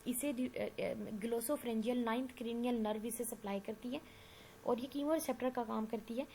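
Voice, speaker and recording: A fairly high-pitched woman with a dark tone and a sore throat lectures on anatomy at a moderate pace. Patient and explanatory, she uses English medical terms and often checks in with "theek hai." It's a rough classroom recording with faint noise in the background.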